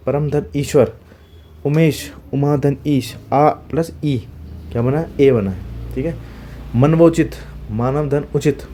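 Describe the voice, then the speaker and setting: Mellow-voiced male grammar teacher. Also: mid-range voice, slight background noise. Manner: asks questions and answers them himself; checks in with "okay?" after each point. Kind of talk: exam-prep grammar lecture.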